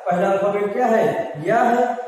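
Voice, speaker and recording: A man's voice: sits high, normal speed, a little mellow. A man teaching an English grammar lesson in a classroom, who keeps putting questions to the class and then answering them himself. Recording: echoey classroom from far off.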